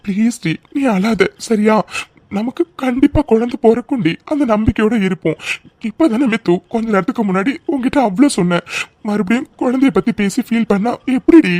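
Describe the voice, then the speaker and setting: A gentle cartoon husband, played by a man, pleads and soothes in a mellow, somewhat high voice. The sound is dry and close. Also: a little fast, breathy edge, no echo. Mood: soothing. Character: caring young husband comforting his wife. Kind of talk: cartoon voice acting.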